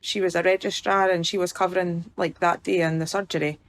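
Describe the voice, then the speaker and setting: A Scottish woman in her early thirties speaks as a guest on a podcast. Her voice is slightly low with plenty of fry. She tells her personal story in an informal, chatty way. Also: flat delivery, a little fast. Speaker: patient guest.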